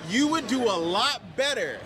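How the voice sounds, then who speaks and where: A man's voice: very high-pitched, big pitch swings, normal speed, noisy background. A man outdoors at a street event, arguing back and quoting scripture to a street preacher. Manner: argumentative, quotes scripture back. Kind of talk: street debate. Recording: loud crowd and music behind.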